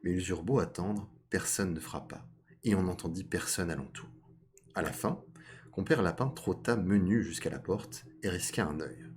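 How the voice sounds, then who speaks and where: A man's voice: sits low, normal speed, a little mellow, slight background noise. A man streaming a live reading of a folk tale, stopping now and then to comment on his character voices.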